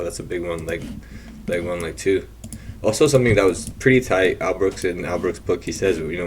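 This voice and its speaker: A man reviewing his trades over a chart, thinking aloud in a casual walkthrough with restarts and the odd throat clearing. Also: sits low, slight background noise. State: has the hiccups.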